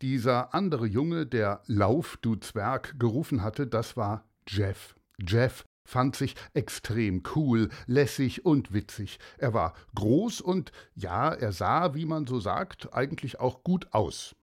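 A man's voice: mid-range voice, lively intonation, takes it slowly, few pauses. A man narrating a children's story, speaking directly to young listeners in a friendly way.

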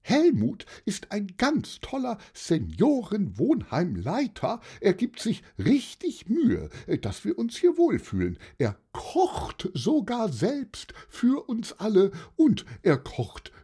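A narrator voicing a cheerful, excitable elderly aunt who chatters with little "äh" fillers, in a storybook reading. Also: slow pace, hardly any pauses, slightly rough, heavily acted. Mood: bubbly. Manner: bubbly, high and excited, with hesitant "äh" fillers. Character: cheerful elderly aunt hosting a birthday party.

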